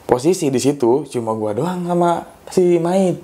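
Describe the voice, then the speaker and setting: A young man with telling a ghost story in a casual, loose way, often pausing with hesitations. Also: a little high, lively intonation, mellow. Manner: loose and rambling, with frequent hesitations. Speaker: guest storyteller.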